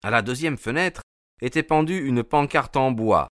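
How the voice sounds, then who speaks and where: A man narrating a classic detective novel in an audiobook, measured and expressive. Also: medium pitch, dry recording, clean studio sound. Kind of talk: scripted literary narration.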